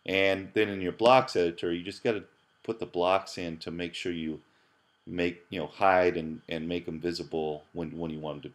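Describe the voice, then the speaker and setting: At a moderate pace, a middle-aged professor with a very deep voice walks through a programming screencast tutorial on app development. Relaxed like a teacher at his desk, he explains casually as he goes, thinking aloud with fillers and restarting words.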